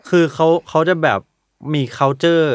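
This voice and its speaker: A young man, a musician guest on a podcast, chatting in a relaxed way and explaining through anecdotes. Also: a little high, takes it slowly, clear, resonant tone, no room sound. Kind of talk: casual conversation.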